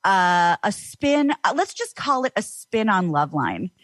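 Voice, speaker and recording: A woman voice actor chatting as a guest on a podcast interview, animated and exclamatory. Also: medium pitch, a little slow, dry recording.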